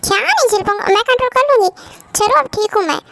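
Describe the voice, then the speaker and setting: A woman voicing a young wife in a contract marriage, who pleads softly and grows hushed and wistful, in an amateur fan dub. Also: very high-pitched, lively intonation, fast, vocal fry, dry recording, pitched above the performer's own voice, exaggerated voice. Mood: pleading.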